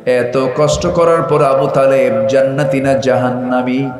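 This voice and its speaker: A man preaching a Bengali waz sermon, calling out to the crowd for answers and rising into shouted climaxes. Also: medium pitch, fairly even intonation, measured pace, echoey room, music in the background. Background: crowd responding.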